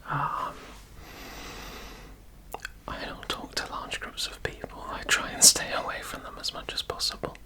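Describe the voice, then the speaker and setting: Soft, hesitant and pausing a lot, an Englishman with an English-Welsh accent whispers his way through an ASMR accent tag as a guest on his girlfriend's channel.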